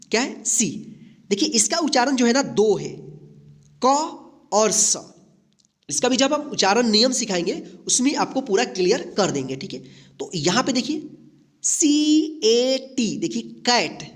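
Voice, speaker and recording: A woman teaching a beginner's English lesson, spelling out letters one by one, asking questions and repeating each answer. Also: a little high. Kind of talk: step-by-step spoken English lesson.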